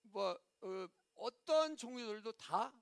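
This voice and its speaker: A male pastor delivers a sermon from a church pulpit, his voice pitched unusually high. He poses question after question, answers them himself and keeps calling on the congregation for an amen. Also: expressive, slow, creaky, clear, resonant tone. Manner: call-and-response, repeatedly asking the congregation for amen. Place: church sanctuary.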